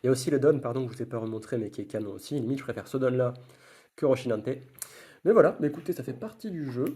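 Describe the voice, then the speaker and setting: A man's voice: mid-range voice, animated, rapid-fire, warm tone, husky. A man giving casual running commentary while opening trading card packs, murmuring card names one after another.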